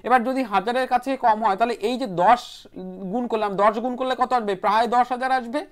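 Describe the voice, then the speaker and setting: Brisk woman teaching math step by step. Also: a little high, fairly even intonation. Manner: brisk, repeats key steps and numbers aloud. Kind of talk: online exam-prep math lesson.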